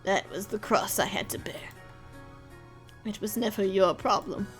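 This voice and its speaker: A woman reading game dialogue aloud, voicing a grave, remorseful male pigeon in a quiet, confessional way. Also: medium pitch, measured pace, soft background music, pitched below the performer's own voice, lightly acted. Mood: somber.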